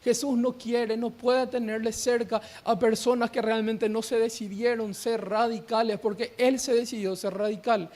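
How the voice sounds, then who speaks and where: High-voiced man preaching a youth sermon. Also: level tone, darkish tone. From Paraguay. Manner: asks rhetorical questions and answers them himself; quick, emphatic preaching that slows sharply on key words. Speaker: youth pastor.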